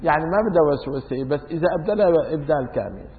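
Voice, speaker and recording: A man's voice: on the high side, lively intonation, very fast. Man, religious law lesson, reads then explains in dialect, repeats words to demonstrate, echoey hall, tinny phone-line sound. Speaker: religious teacher.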